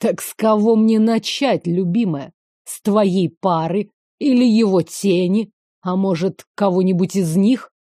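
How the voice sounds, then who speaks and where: A woman voicing a cruel, obsessed young man who slowly growls out his threats in an audiobook. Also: medium pitch, dark tone, no echo, studio quality, close to an everyday voice. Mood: menacing.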